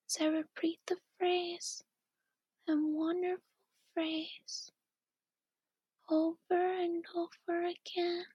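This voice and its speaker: High, slow whispering woman. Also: no room sound, muffled recording. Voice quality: soft breathy whisper. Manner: slow, coaxing and doting. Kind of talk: whispered ASMR roleplay.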